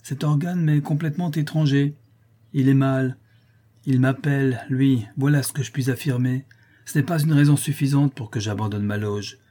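A male reader acts out a melodramatic old porter who is grandly dignified and easily scandalized, delivering formal, exclamatory storybook speeches in a husky, mellow voice. The voice is mid-range and steady at a moderate pace, close to an everyday voice. The mood is stubborn and pondering.

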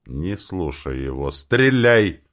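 Man doing a slow, hissing sinister woman. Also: sits low, sing-song, exaggerated voice. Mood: menacing. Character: sinister commanding woman's voice inside the head.

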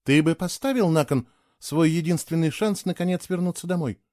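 A man's voice: on the high side, moderate pace, darkish tone, dry recording, studio quality, voice pushed up, close to an everyday voice. A man voicing a stubborn, spirited young woman who argues insistently in a raised voice, in an audiobook. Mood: curious.

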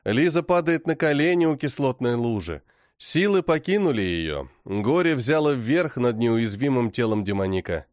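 A man narrating a first-person fantasy audiobook in a dramatic, expressive way. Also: mid-range voice, normal speed, dry recording, studio quality.

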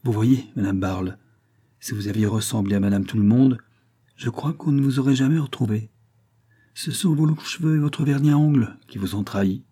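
A man's voice: medium pitch, normal speed, dark tone, breathy edge, natural voice. A man doing a curt police commissioner. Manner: cutting and commanding.

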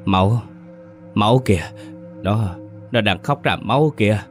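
A man's voice: lowish voice, expressive, a little slow, faint music behind. A man playing a panicked guilty villager. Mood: terrified. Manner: panicked, stammering.

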